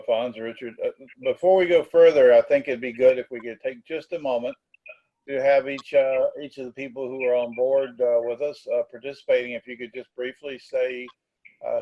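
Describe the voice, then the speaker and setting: A man moderates a video call, stumbling through fillers as he hands the floor around. His sound is dull and lo-fi. The room is dry, with no echo. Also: mid-range voice. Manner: halting, many fillers. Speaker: host, moderator.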